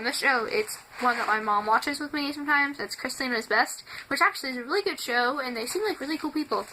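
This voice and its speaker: Teen girl vlogger, high voice, giggly rambler, noisy home recording. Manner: chatty, giggly, lots of filler words. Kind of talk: rambling casual vlog.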